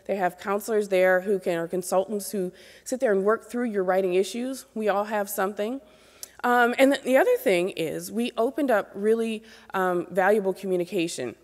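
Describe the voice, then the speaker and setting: A woman's voice: medium pitch, moderate pace, a little mellow. Earnest woman lecturing in a reverberant hall. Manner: earnest, direct, gestures as she speaks. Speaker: keynote speaker, professor. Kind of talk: motivational lecture. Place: large auditorium stage at a podium. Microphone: podium microphone. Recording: long reverb of a large hall.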